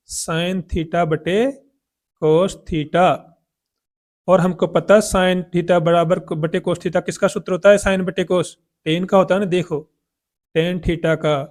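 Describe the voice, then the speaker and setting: Male math tutor, high voice, quizzes then answers himself. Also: a little mellow. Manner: asks questions and answers them himself. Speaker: math teacher. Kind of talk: blackboard math lesson.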